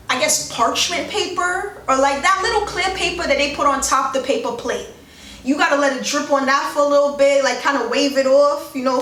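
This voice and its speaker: A woman's voice: high voice, a bit bright, echoey room, distant mic. A woman from New York with a New York accent, chatting frankly to camera in a casual vlog, full of "like". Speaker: vlogger.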